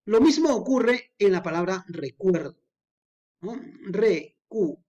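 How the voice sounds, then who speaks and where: A woman's voice: medium pitch, animated, a little slow, warm tone, lo-fi sound. A woman teaching a lesson on poetic meter, explaining patiently with frequent fillers and worked examples.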